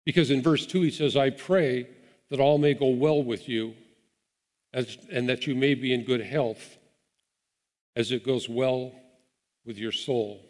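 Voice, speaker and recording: A man's voice: mid-range voice, measured pace, pauses often, darkish tone. A man preaching a sermon as pastor, earnest and encouraging, with small restarts as he talks. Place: church sanctuary. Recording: long hall reverb.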